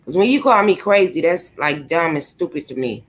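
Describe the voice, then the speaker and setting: A woman's voice: sits low, lively intonation, moderate pace. A woman talking casually on her live stream, swearing freely, laughing often and speaking straight to her viewers.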